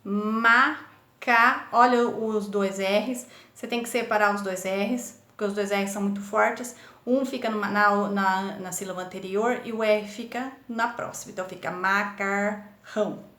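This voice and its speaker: A primary school teacher with a São Paulo-state Brazilian Portuguese accent teaches young children remotely, patiently and encouragingly sounding out words syllable by syllable. Her voice is medium-pitched with fairly even intonation at a normal speed. The room she records in is echoey.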